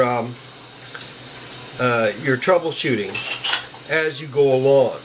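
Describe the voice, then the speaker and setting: An older man narrating a hands-on computer repair in a casual, folksy, chatty way, with bursts of excitement. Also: fairly high pitch, slight background noise, low-quality recording. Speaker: PC repair hobbyist.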